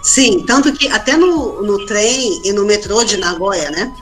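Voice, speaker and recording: A woman's voice: medium pitch, measured pace, over music. Chatty Brazilian woman telling stories. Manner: chatty storyteller, frequent tag questions. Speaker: guest. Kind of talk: casual interview chat.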